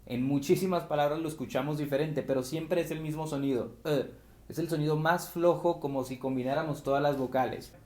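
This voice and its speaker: Man, Spanish speaker, pronunciation teacher, fairly high voice, roomy echo. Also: steady tone, darkish tone. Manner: explanatory, repeats example words slowly. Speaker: English teacher. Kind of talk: pronunciation lesson.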